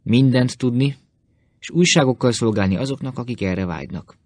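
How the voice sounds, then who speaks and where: A man's voice: medium pitch, darkish tone, no echo, lightly acted. A man doing a sly fawning Greek schemer. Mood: boastful. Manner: obsequious and boastful. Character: sly, fawning male Greek philosopher-informer.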